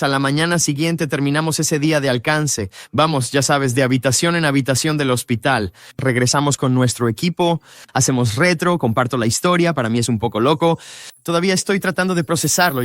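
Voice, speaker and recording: A man's voice: medium pitch, dry recording, studio quality. A man recounting his personal faith testimony as a former missionary, in an earnest, confessional storytelling way.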